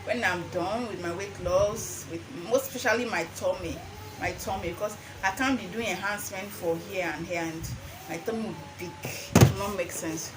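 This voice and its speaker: Speaking at normal speed with a medium pitch against a noisy background, a young adult woman with a Nigerian accent gives a casual how-to demonstration. She's an herbal remedy seller and vlogger who shifts between English and Pidgin phrasing and repeats phrases to emphasize them.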